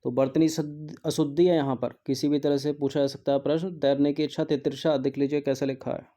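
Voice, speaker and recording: A man's voice: a little high, little pitch movement, brisk, mellow. A male teacher going through exam practice questions, repeating words to drill their spelling and mixing in English terms.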